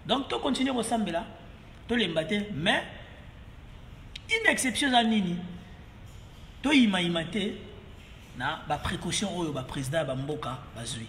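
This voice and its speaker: A man's voice: high-pitched, lively intonation, normal speed, long pauses, a bit bright, a little hiss or hum. Rambling Congolese man in an echoey room. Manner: rambling, mixing French and Lingala, many fillers and repeats. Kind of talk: casual monologue to camera. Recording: roomy echo, long reverb, faint ambience.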